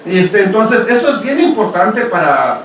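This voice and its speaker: A man with a high voice leads his congregation through a Bible study, keeping it relaxed and conversational, tossing out rhetorical questions and tagging lines with "ok?" He speaks at a moderate pace. The mic sits far away in a very echoey hall, and a faint hiss runs underneath.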